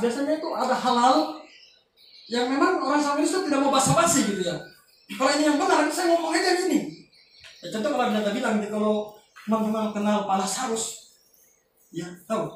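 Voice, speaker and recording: Loud joking man in an echoey room. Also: extremely high pitch, brisk. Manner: loud, joking, animated teaching with asides. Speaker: youth group speaker. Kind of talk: casual lecture to a group. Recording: very echoey, distant, faint noise.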